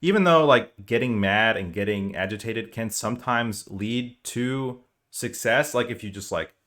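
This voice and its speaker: Man, lowish register, relaxed conversational coach explaining to his team. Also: a little slow. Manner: conversational, animated explaining with acted-out examples. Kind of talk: casual spoken lecture.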